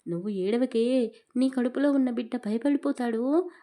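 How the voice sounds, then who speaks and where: A woman's voice: a little high, moderate pace, mellow, pitched above the performer's own voice, natural voice. A woman doing a fussing old grandmother. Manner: fussing, scolding. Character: fussing elderly grandmother, affectionate and scolding.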